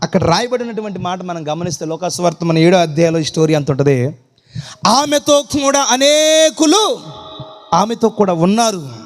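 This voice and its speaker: A man preaching a fervent sermon at an evening church gathering. He swings between loud cries and hushed tones. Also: on the high side, quick pace. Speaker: pastor. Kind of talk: impassioned sermon.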